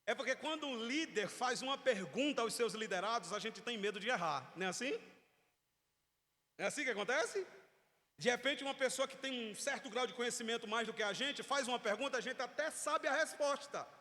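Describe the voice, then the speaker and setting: A man's voice: extremely high pitch, fairly quick, bright, forceful tone. A man with a Brazilian Portuguese accent preaching a teaching sermon in church, emphatic and asking the congregation questions. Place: church sanctuary. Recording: long reverb of a church hall.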